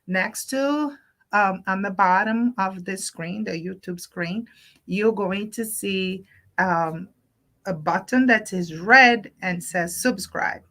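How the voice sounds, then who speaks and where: Hosting a children's storytime livestream, a woman speaks to young kids in simple teacherly phrases blended with Spanish words. She takes it slowly, in a medium-pitched voice with a sharp tone.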